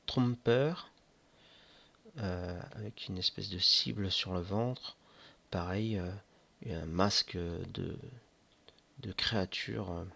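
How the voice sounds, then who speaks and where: A man describing board game miniatures in a slow, hesitant casual commentary full of fillers. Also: sits low, pushed and bright. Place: indoors at home near board games.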